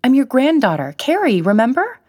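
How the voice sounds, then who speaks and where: Woman voicing a pleading young granddaughter, anxious, raised voice, breathy, storybook. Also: wildly swooping pitch, a little mellow, no echo, studio quality, full character voice. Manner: pleading, higher and quicker than the narration.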